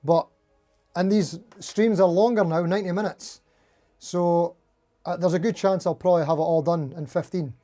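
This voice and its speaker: Over-caffeinated man with a mellow voice. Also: high voice, fairly even intonation, normal speed, soft background music. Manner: over-caffeinated, jittery rambling; self-deprecating. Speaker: live stream host, guitar player. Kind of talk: casual live stream chat, greeting viewers.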